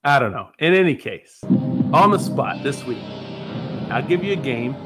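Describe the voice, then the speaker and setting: A man's voice: mid-range voice, lively intonation, moderate pace, loud music behind the voice. A man from Massachusetts co-hosting a casual sports podcast, playful and joking as he runs a quiz. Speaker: podcast co-host.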